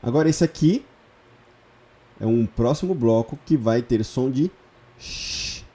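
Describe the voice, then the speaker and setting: A man's voice: medium pitch, animated, measured pace, mellow. A man teaching a lesson step by step, patient, repeating key points and checking in often. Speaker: Hebrew teacher. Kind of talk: online lesson, explaining step by step.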